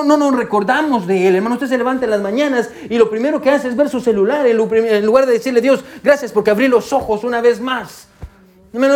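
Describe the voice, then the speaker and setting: A man preaching a sermon as pastor, swinging between loud highs and hushed lows and often calling out "hermano" and "amén". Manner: peppers speech with "hermano" and "amén".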